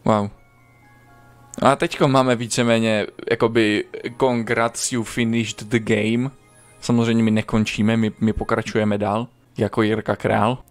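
A man streaming a video game, commenting casually and crudely, swearing often and breaking into sudden high yelps. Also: level tone, faint music behind. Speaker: gaming streamer. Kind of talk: casual let's-play commentary.

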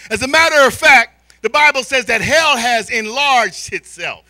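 A middle-aged American church elder, born in Spain into an American military family, gives a storytelling sermon with call-and-response in a large indoor church hall, speaking into a handheld microphone. His pitch is extremely high and the recording is dry. He is animated and theatrical, drawing out his emphasis and moving from quiet asides to shouts.

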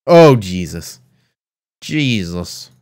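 A man's voice: low-pitched, extremely slow, slight background noise. A young man chatting casually during a game, teasing his friend with dry remarks. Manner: dry teasing, lively reactions. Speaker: gaming channel co-host. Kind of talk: casual gameplay chat.

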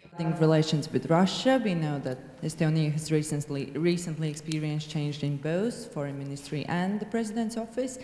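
A woman's voice: sits low, brisk, warm tone. A woman journalist asks a direct, formal question at a press conference. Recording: echoey reverberant hall.

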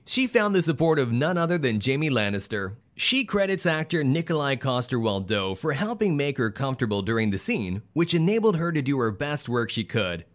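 Guy doing upbeat voice-over narration, bouncy lively delivery. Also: mid-range voice. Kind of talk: scripted narration.

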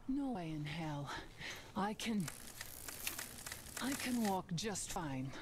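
A weary, tender young wife. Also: female voice, fairly low pitch, big pitch swings, slow, over a noisy crowd. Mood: stubborn. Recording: roomy game audio with long reverb and noise.

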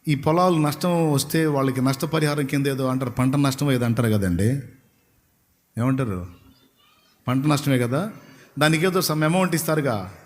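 A man's voice: mid-range voice, normal speed, pauses often. A male preacher tells stories in a conversational sermon, often asking his listeners questions. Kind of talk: storytelling sermon. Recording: long hall reverb.

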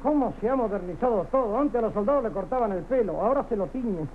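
A clownish, put-upon Argentine soldier in an old TV comedy sketch. His voice is very high, exclamatory and full of cheeky wisecracks. The vintage recording sounds tinny and noisy. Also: lively intonation, fast. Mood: comic, flustered. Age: middle-aged. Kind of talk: 1960s television sketch comedy acting.

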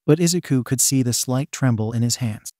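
A man narrating a fan fiction story aloud in a steady, even reading style. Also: mid-range voice, brisk, no room sound, studio quality.

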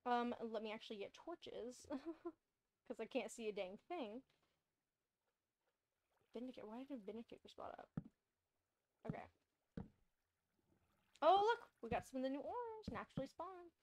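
A woman's voice: fairly high pitch, big pitch swings, unhurried, pauses often, a little mellow. A young woman streaming a video game, chatting casually and rambling, with frequent laughs. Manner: bubbly, rambling, laughs often. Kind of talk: casual gameplay chat.

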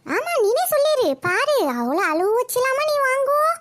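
A nosy, gossiping cartoon auntie with a Kayalpattinam Tamil accent lectures a young bride without pause, voiced by a woman. Her voice sits extremely high and squeaky. She keeps a preachy, meddling tone. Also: sing-song, fairly bright tone, full character voice. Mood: lecturing. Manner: nagging, lecturing. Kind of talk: cartoon voice acting.

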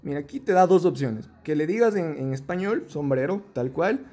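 Lively man teaching English. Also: a little high. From Ecuador. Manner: lively, coaxing, slow and drawn out on English words for repetition. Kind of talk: bilingual English lesson for children.

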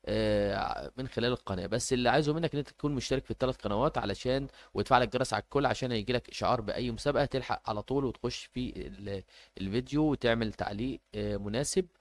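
A man's voice: mid-range voice, racing. A man with an Egyptian Arabic accent announcing a giveaway informally as host, hesitating and repeating himself as he goes.

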